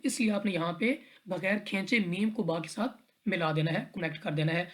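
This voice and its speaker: A woman teaches Quran recitation rules in a calm, step-by-step way. She goes through each letter and often pauses to check in with her students. Her voice sits at an ordinary middle pitch. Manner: patient, step-by-step, repeats rules and checks in with "theek hai". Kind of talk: tajweed lesson explaining recitation rules.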